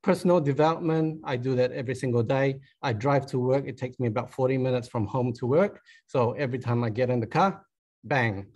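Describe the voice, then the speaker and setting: Malaysian accent guy doing a casual pep talk at a business conference, chatty, medium pitch. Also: fairly quick, darkish tone, highs cut off. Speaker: conference guest speaker. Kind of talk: informal motivational business speech.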